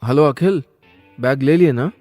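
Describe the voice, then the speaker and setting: A man voicing a touchy young girlfriend in an audio story, speaking quickly in a pouting, childlike way. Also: medium pitch, darkish tone, faint music behind, natural voice. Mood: sulky.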